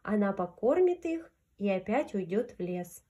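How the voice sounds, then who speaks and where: A woman's voice: mid-range voice, very animated, moderate pace, mellow, slightly rough. A woman reading a fairy tale aloud to young children in a sing-song storyteller's manner. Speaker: children's storyteller fronting a puppet.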